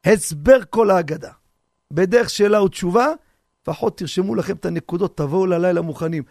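A man, a rabbi, giving a radio sermon on the seder, animated and humorous, full of rhetorical questions. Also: sits high, gravelly, no echo, studio quality.

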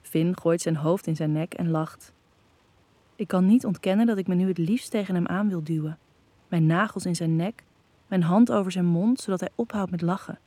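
Mellow woman narrating an intimate audio story. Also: fairly low pitch, moderate pace, no echo. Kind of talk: first-person erotic audio story narration.

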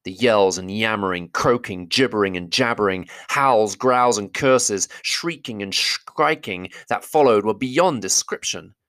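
A man narrating a classic fantasy novel as an audiobook, with a steady, measured storytelling delivery. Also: on the low side, no room sound. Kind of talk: audiobook reading.

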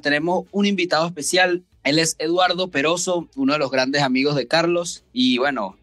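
A man's voice: fairly high pitch, fairly bright tone, dry recording. A Venezuelan man hosting a podcast in a friendly, conversational way. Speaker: podcast host.

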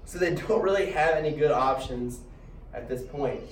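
A man leads a casual Bible teaching and retells the story in a chatty, loose way, often restarting his sentences and leaning on fillers. His voice sits fairly high for a man. He sounds a little distant from the mic, in a roomy, echoing space with faint ambience behind him. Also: moderate pace, a little hiss or hum.

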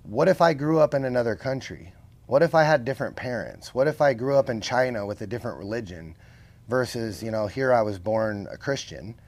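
A podcast guest explains his views earnestly in a casual interview, often checking in with "right?" and posing rhetorical questions. His medium-pitched voice is animated, brisk and a little mellow.

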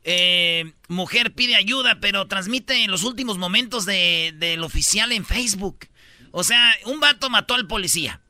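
A man hosting a comedy radio show, telling stories in quick slang and acting out the people he quotes. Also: sits high, bright, forceful tone, dry recording. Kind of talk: comic radio banter.

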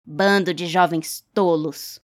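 A woman's voice: on the low side, steady tone, slow. A woman reading aloud and voicing a stubborn, petulant old village man who grumbles. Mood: curt.

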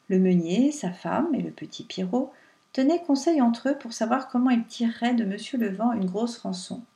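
A woman reading a fairy tale aloud in a calm, measured storytelling manner. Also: a little high, recorded from a distance.

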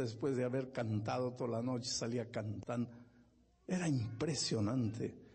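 A male pastor preaching a sermon, telling a story with impassioned, building emphasis in a church. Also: breathy edge. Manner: impassioned, building to loud high-pitched emphasis.

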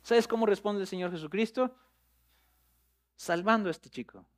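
A pastor with a high-pitched voice preaches a sermon at a moderate pace, addressing his listeners directly and conversationally. He builds up to loud, emphatic peaks.

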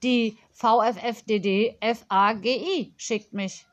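A woman's voice: on the high side, steady tone, slow pace. Woman reading as a dreamy whimsical nanny. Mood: mild.

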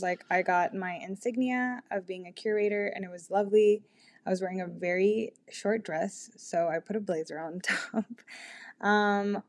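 A woman's voice: medium pitch, darkish tone. Chatty young woman telling stories. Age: young adult. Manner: chatty, filler-heavy with constant "like" and "um"; candid and giggly, laughs mid-sentence. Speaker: vlogger. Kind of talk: casual storytelling.

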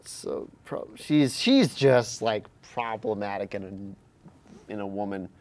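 A man's voice: on the low side, slow. A man casually recapping a movie plot in a chat, telling it with laughs and acted-out quotes. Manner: animated, laughing storyteller who acts out quotes. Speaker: podcast co-host recapping a movie. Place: room shared with the other hosts.

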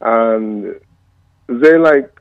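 A Guyanese-born man in his fifties tells his story down a narrow, tinny phone line. He talks slowly and gives thanks often, with a devout, easy manner. The sound is dry and close, with no room around it. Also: mid-range voice, smooth, dry recording. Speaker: reggae singer, phone-in guest. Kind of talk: relaxed storytelling interview.

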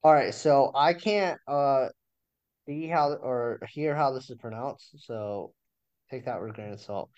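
A man's voice: medium pitch, darkish tone, clean tone, no echo, muffled recording. A young man co-hosting a podcast, talking in a casual, joking way and stopping often to hesitate. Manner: hesitant, halting, lots of fillers. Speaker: podcast co-host.

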